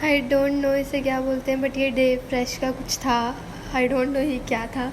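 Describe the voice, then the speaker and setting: A woman's voice: high voice, level tone, unhurried, noisy background. A young woman vlogger with a sore throat, narrating her shopping trip in a chatty, rambling way. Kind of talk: casual vlog voice-over narration.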